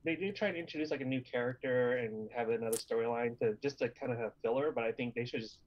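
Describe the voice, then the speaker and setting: A man's voice: mid-range voice, fast talker. A man chatting casually on a stream, rambling and correcting himself as he goes. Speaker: stream co-host. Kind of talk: casual chat. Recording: dull lo-fi stream mic.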